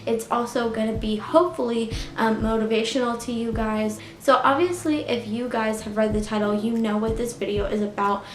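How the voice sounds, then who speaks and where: A YouTuber in her late twenties tells a casual storytime vlog to her viewers, chatty and full of "like" and "you know." Her voice is on the high side with fairly even intonation, a moderate pace and hardly any pauses, in an echoey room.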